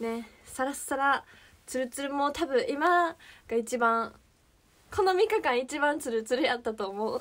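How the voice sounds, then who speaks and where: High-voiced young Kansai woman chatting. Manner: chatty, rambling, searching for words. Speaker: idol livestream host. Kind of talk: casual livestream chat.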